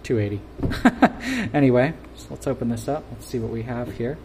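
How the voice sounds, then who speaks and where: A man's voice: mid-range voice, big pitch swings, moderate pace, darkish tone, a little hiss or hum. A man giving casual unboxing commentary as a gear reviewer, chatty and enthusiastic, with plenty of fillers.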